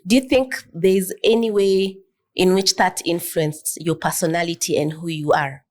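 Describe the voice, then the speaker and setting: A young woman from Kenya hosts the interview in a slightly low voice. She introduces the show and asks her questions in a poised, measured way. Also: steady tone, a little mellow. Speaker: podcast host, lawyer. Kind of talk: interview hosting.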